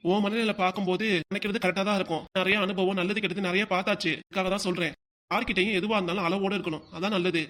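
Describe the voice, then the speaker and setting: A performer voicing a fast-talking consoling village dad. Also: mid-range voice, steady tone, lightly acted. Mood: coaxing. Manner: gentle, persuasive, lecturing. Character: middle-aged village father, patient and consoling. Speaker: father of the bride-to-be. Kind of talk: cartoon voice acting.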